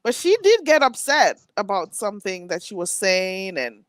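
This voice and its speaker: A woman's voice: medium pitch, big pitch swings, normal speed, no room sound. A woman hosting a casual live stream chat, telling stories at length and laughing often, with a stuffy nose. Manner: chatty storytelling, laughs often.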